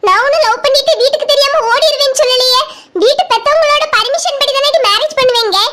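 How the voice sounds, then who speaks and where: A woman's voice: extremely high pitch, fast, bright, forceful tone. A woman voicing a stubborn, lovestruck teenage girl in a cartoon who talks earnestly and pleads. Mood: defiant.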